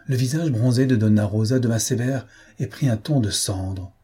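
A man narrating a classic novel in a measured, steady storytelling manner. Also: medium pitch, slightly rough. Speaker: audiobook narrator. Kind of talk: scripted narration.

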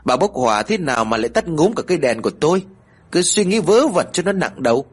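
A man puts on a short-tempered old husband who nags in fast, raised bursts. His pitch swings widely and the tone is slightly husky, with faint music behind. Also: big pitch swings. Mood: teasing. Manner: scolding, quick and sharp. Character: irritable older village husband, gruff.

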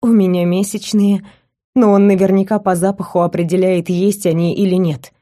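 A woman reading a first-person romance story aloud with measured, intimate storytelling. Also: medium pitch, flat delivery, warm tone. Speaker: narrator.

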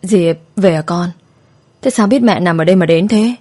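A woman voicing a gentle middle-aged mother who speaks softly and slowly in an audio story. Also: on the low side, lightly acted. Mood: surprised.

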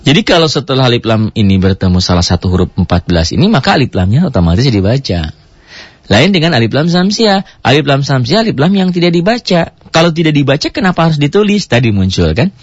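A man teaching Quran recitation in a radio lesson, asking rhetorical questions and jumping up in pitch to stress points. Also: quick pace, husky, dry recording. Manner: animated, pitch jumps high for emphasis, rhetorical questions. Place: radio studio. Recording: dull, dry radio broadcast sound.

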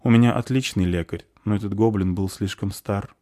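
Man voicing a dry unsentimental nobleman, matter-of-fact, low warm voice. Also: steady tone, fairly quick, dry recording, natural voice.

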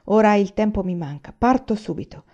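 A man's voice: sits high, animated, brisk, darkish tone, dull audio. A woman reading the lines of an arrogant, ambitious general in a storybook reading, curt and haughty. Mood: brisk. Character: arrogant ambitious Japanese general, grown man.

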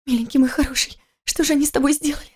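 A woman voicing a frightened young wife who pleads and sobs, in a higher voice than her narration. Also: steady tone, very fast, darkish tone, close to an everyday voice. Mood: tearful pleading. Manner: sobbing, pleading.

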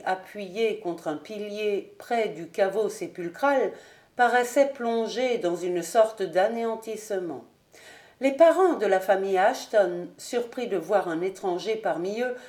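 A woman narrating a classic novel as an audiobook reader, steady and even. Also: mid-range voice, echoey room.

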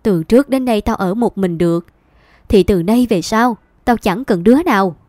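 A woman's voice: medium pitch, normal speed, warm tone, no echo, studio quality, lightly acted. A woman reading an audiobook, voicing a bitter older mother who harshly scolds her son. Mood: scolding.

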